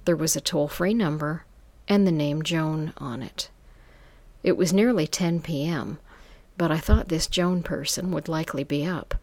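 A woman reading a first-person story aloud in a calm, even manner with soft hushed touches. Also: low voice, measured pace, dry recording. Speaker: story reader.

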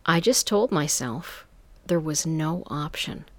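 A woman reading a first-person story aloud in a calm, even manner with soft hushed touches. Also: sits low, takes it slowly, dry recording. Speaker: story reader.

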